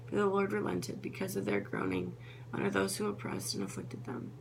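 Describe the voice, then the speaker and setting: Over a noisy recording with a constant hum, a female Bible reader speaks fairly quickly in a very deep, creaky voice. She occasionally trips on names and then corrects herself.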